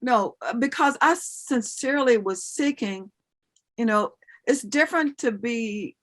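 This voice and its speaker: A woman's voice: fairly high pitch, expressive, unhurried, fairly bright tone. A middle-aged woman giving an earnest personal testimony as an interview guest, acting out remembered dialogue as she tells it.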